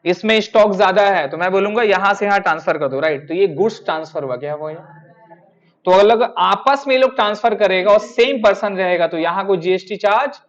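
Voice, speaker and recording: A man teaching a classroom tax lesson, telling a lively story and addressing students as sir. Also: sits high, brisk, dull audio. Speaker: tutor. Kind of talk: classroom lecture with anecdote.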